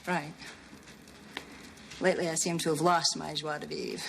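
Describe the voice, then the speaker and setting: A woman playing a brash, flirtatious woman in a 1990s sitcom, delivering sassy, deadpan comebacks. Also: low-pitched, moderate pace, gravelly. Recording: sitcom recording with audible background noise.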